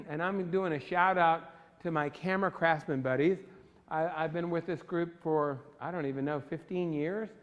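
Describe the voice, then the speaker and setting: A man's voice: a little high, steady tone, moderate pace, muffled recording. A man giving a live photography workshop lecture, talking enthusiastically and speaking straight to his class. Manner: enthusiastic, talks to the class directly. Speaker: photography instructor. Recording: long reverb in a large room.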